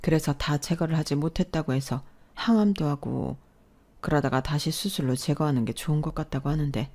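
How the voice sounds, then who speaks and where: A woman voicing a gentle, apologetic old mother. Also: sits low, a little fast. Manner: soft, reassuring, apologetic. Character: gentle self-effacing elderly mother, ill. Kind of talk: radio drama acting.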